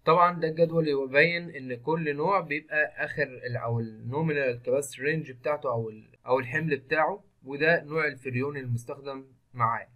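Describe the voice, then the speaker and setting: Speaking fast with fairly even intonation and a fairly high pitch, this engineering lecturer has an Egyptian Arabic accent, and the sound is lo-fi. His screen-recorded talk over slides goes step by step, sprinkled with English technical vocabulary.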